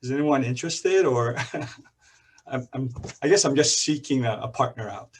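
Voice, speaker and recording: Halting man on a noisy call. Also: mid-range voice, lively intonation. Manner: halting, laughs often. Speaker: forum participant seeking partners. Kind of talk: casual talk on a video call. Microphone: video call.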